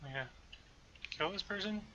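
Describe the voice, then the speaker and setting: In an unhurried but animated way, a young man with a high, pushed, bright voice talks to chat while playing a game on stream at home. He rambles casually through a desk microphone. The recording sounds muffled, with a little hiss or hum.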